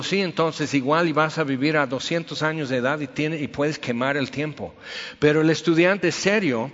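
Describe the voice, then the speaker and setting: A man's voice: fairly high pitch, fairly bright tone, big-room sound, lo-fi sound. A man, preaching a sermon in a conversational way, with anecdotes and rhetorical questions. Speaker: pastor.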